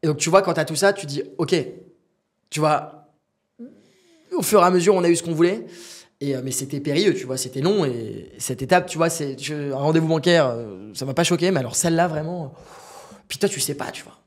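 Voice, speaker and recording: A man's voice: fairly high pitch, a little fast. A man in his twenties, a business founder and podcast guest, telling a story casually, acting out dialogue and speaking with slang and asides to the host.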